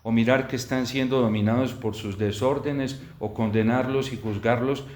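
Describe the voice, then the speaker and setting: A man, a priest, celebrating Mass and preaching a homily in slow, measured phrases, heard with an echoey church reverb. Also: medium pitch, steady tone, a little mellow. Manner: slow, measured preaching with long pauses, rising in intensity.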